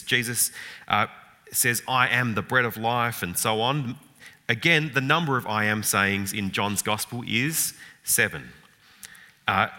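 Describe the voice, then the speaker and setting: The voice here is mid-range, bright and forceful: a man teaching the Bible in an informal, reflective lecture. He often uses fillers, restarts his sentences and poses rhetorical questions, all echoing with long hall reverb.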